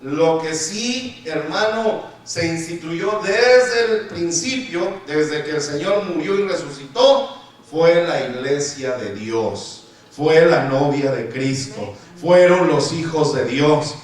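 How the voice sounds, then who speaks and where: A man's voice: on the high side, lively intonation, takes it slowly. A man preaching a sermon who keeps calling out to his listeners as brothers and acts out the complaints of churchgoers. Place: church hall. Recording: echoey church hall from far off.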